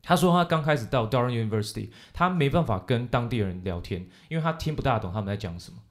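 A man's voice: medium pitch, lively intonation, fast talker. A young man chatting casually, explaining at length and mixing English words and phrases into his talk. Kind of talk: casual chat.

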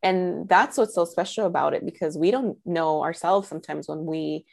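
A woman hosts a podcast interview in a casual, conversational way. Her pitch is a touch lower than that of most women. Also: normal speed, gravelly, darkish tone.

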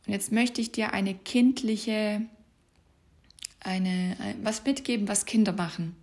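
A woman giving a motivational coaching talk, speaking softly and often in a whisper as she guides the listener with gentle instructions. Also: medium pitch, fairly even intonation, unhurried. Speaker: life coach.

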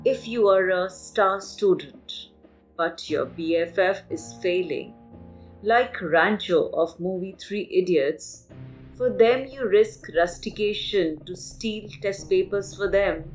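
A woman from Kolkata with an Indian English accent hosts a poetry podcast and recites her poem in an emphatic voice with dramatic pauses. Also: medium pitch, soft background music, poor audio.

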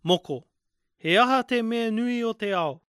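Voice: mid-range voice, normal speed, fairly bright tone, clean tone, dry recording, clean studio sound, natural voice. Narrator voicing a wise Māori-accented grandparent. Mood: patient, teaching. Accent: Māori New Zealand English. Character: wise, patient Māori grandparent giving guidance. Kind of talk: storybook dialogue.

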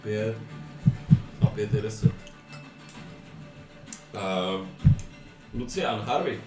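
A man acting as game master, calmly describing the scene and calling for dice rolls in a casual tabletop session. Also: on the low side. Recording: echoey room with background music.

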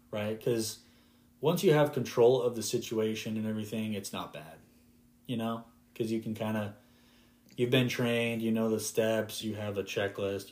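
Young male flight instructor telling stories. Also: fairly low pitch. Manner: lively, animated retelling of radio calls. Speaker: flight instructor, podcast guest. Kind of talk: casual storytelling in conversation.

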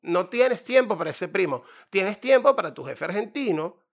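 A Venezuelan man giving comedic advice in an animated storytelling monologue, full of playful asides. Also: high-pitched, normal speed.

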